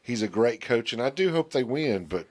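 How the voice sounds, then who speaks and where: A man's voice: medium pitch, expressive, normal speed, darkish tone. A man co-hosting a podcast in casual chat, rambling with stammered restarts. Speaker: podcast co-host.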